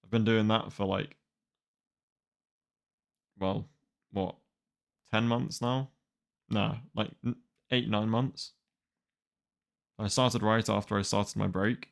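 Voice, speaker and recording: A twenty-year-old man talks casually to his stream. His voice sits low with a gravelly edge. He rambles, sounding wry and exasperated. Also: fairly even intonation, slow pace, pauses often. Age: 20s. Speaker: manga reaction streamer. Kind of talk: casual live-stream chat.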